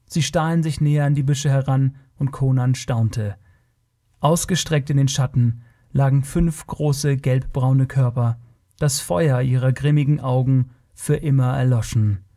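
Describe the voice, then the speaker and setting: Brief: male narrator, mellow dark timbre, measured reading of an adventure tale. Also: mid-range voice, fairly even intonation. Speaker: audiobook narrator. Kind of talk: scripted narration.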